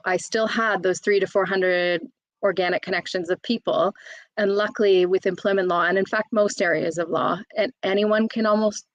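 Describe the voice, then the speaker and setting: A woman in her thirties who works as an employment solicitor talks openly and chattily as a guest in a candid interview, full of fillers and self-restarts. Her voice is mid-range, and the recording is dry and poor.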